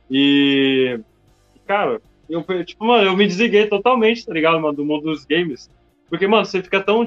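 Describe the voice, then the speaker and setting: Fast-talking slangy young Brazilian man. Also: a little high. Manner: slangy, peppers speech with "mano" and "tá ligado". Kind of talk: casual chat. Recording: dull lo-fi recording with faint music.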